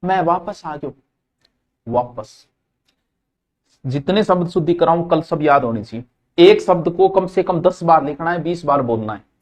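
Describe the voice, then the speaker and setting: A man teaching a Hindi grammar class, drilling words by repeating them many times in a folksy, animated way with sudden loud stresses. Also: a little high, measured pace, long pauses.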